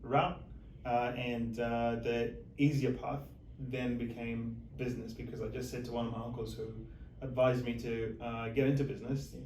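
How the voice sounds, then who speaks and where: Interview guest: a man in his thirties from Zimbabwe, hesitant and even, with a flat, mellow voice. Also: mid-range voice, slight background noise. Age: 30s. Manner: measured, hesitant with many uh fillers. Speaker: guest, financial planner. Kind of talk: interview chat. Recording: echoey room, mic at a distance.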